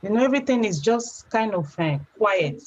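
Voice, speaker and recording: A woman's voice: medium pitch, lively intonation, normal speed, darkish tone. Chatty Nigerian woman, dull lo-fi sound. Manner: chatty storyteller, leans on "you know". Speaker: guest. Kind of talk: casual interview.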